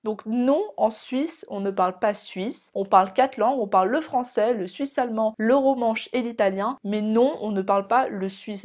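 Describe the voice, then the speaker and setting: A young Swiss woman with a Swiss French accent, talking casually to camera as a vlogger and laughing often. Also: on the high side. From Switzerland. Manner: chatty and animated, laughing often.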